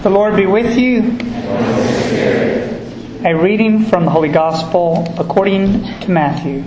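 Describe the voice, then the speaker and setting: A middle-aged male priest from Georgia, reading scripture and preaching at a service in a measured, deliberate way, with a cathedral-like echo around his voice. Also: high-pitched, crowd noise. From Georgia, USA. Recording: echoey church with faint background noise.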